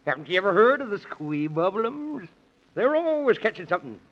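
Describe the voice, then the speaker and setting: Casting: fussy, befuddled old-radio fantasy fellow, high-pitched and swooping, dithering and repeating himself, dull vintage recording. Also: male voice, sing-song, a little fast. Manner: dithering, repeats himself, pedantic nonsense logic. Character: fussy, befuddled, excitable Man in the Moon. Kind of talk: 1930s children's radio serial acting.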